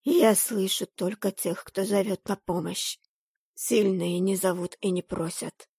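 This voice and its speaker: A woman voicing a grim masked man in a cloak who speaks in a hushed, lifeless rustle, slowly and with few words. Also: mid-range voice, steady tone, creaky, breathy edge, no room sound, clean studio sound. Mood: somber. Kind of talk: audiobook character voice.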